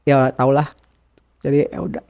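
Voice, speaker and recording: A man's voice: medium pitch, completely flat delivery, moderate pace, darkish tone, clear, resonant tone. A man from Jakarta talking as an interview guest, slangy and rambling, repeating his phrases as he talks with feeling. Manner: slangy informal speech. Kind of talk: casual confessional interview talk.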